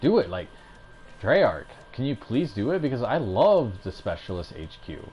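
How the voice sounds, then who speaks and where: The gaming YouTuber's medium-pitched voice has a sing-song quality at a moderate pace as he rants casually at home, getting worked up and restarting often amid many fillers. Heard through a headset mic, the audio has its highs cut off and slight background noise.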